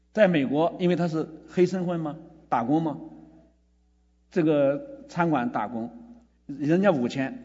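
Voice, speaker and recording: A man's voice: medium pitch, darkish tone, breathy edge. A pastor preaching a sermon, telling a story with quoted dialogue and building to emphatic appeals to his congregation. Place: church hall. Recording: dull lo-fi recording in a reverberant hall.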